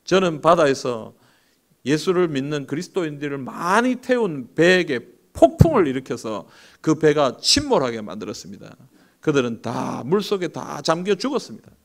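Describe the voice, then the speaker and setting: Demon underling making a report, put on by a preacher; lively, somewhat high voice. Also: male voice, normal speed. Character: male demon underling reporting to his master.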